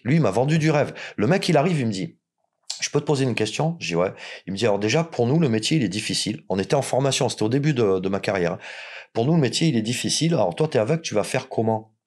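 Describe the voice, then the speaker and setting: A man from France, a podcast guest, telling stories in casual chat, blunt and joking with plenty of swearing. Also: medium pitch.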